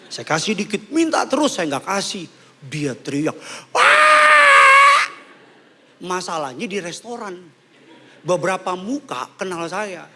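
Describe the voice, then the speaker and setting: Slightly high-voiced man preaching. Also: fairly bright tone, slight background noise. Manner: humorous, conversational preaching with quick mimicry. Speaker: pastor. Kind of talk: sermon. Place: church service before a congregation.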